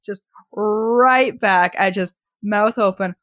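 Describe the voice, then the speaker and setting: A woman's voice: medium pitch, slow, no echo. Young woman podcast cohost, chatty, filler words everywhere, dead dry sound. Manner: chatty, giggly, lots of fillers. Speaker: podcast co-host. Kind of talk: casual podcast chat.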